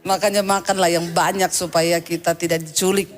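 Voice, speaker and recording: A woman's voice: fairly low pitch, flat delivery, brisk, soft background music. A woman pastor delivering a sermon, telling a story with humorous asides and vivid quoted voices.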